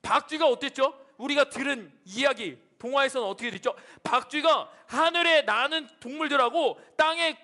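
A male pastor giving a children's sermon, telling the story with lively energy and asking the kids questions. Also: extremely high pitch, normal speed, few pauses.

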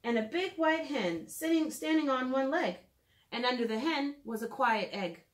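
A woman in her thirties, a children's educator, reads aloud and leads a drawing lesson for preschoolers in a clear, simple storytelling style. Her voice sits high and is expressive at a moderate pace, recorded indoors in a small room at home.

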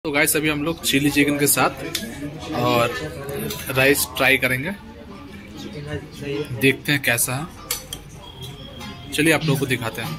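A man from Kolkata talks through a casual food review in a restaurant dining room, with loud music behind him and a rough recording. He speaks at a medium pitch in a steady tone, at a measured pace with frequent pauses. Treating his viewers as friends, he chats along and tends to repeat phrases while eating.

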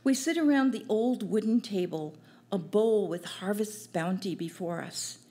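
An older woman reading her own poems at an open mic on a small cafe stage, in a gentle, measured recital into a stand mic. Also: medium pitch, expressive. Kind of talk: poetry reading. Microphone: stand mic at a distance.

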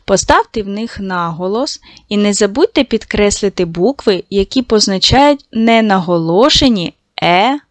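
A woman's voice: medium pitch, animated, normal speed, no room sound. Patient woman teaching young kids. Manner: patient, stretches out sounds to model pronunciation; praising, addresses children directly. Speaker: primary school teacher. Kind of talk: recorded video lesson for young pupils.

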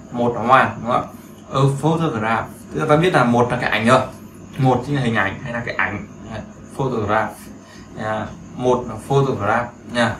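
A man's voice: medium pitch, a bit bright. A man teaching beginners in a casual, chatty way, repeating himself and often checking that his students follow. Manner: chatty, repeats phrases, seeks agreement. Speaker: English teacher. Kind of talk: casual screen-share lesson. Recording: echoey room with faint background noise.

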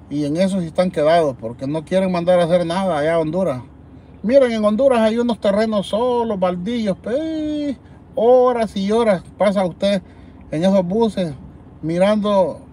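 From a car parked at night, a Salvadoran man with a Salvadoran Spanish accent hosts a live chat, rambling animatedly to viewers and reading their comments aloud. His voice sits high with a warm tone, and there's slight background noise.

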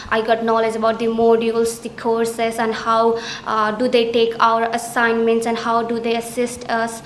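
A woman's voice: on the high side, a little hiss or hum. A young woman from Nepal, an international student, answering interview questions with many hesitations and fillers. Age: young adult. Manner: hesitant, many fillers, flat steady delivery. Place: small indoor study room. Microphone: camera at chest framing. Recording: roomy indoor echo, faint ambience.

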